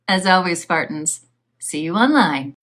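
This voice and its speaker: A woman voicing a calm female AI companion in a show intro voice-over, with a smooth, measured delivery. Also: on the low side, background noise. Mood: cool, assured.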